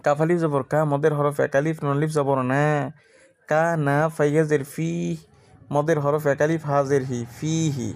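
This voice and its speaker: In a letter-by-letter tajweed lesson, a man teaches Quran reading by spelling out letters and vowel marks in a steady chant. He recites verses in a slow, drawn-out style, his voice on the high side.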